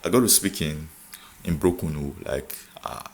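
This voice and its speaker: A man's voice: very deep voice, moderate pace. A young man from Nigeria with a Nigerian accent, chatting casually to camera, laughing often and filling with "like". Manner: laughs often, code-switches, repeats filler "like". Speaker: vlogger.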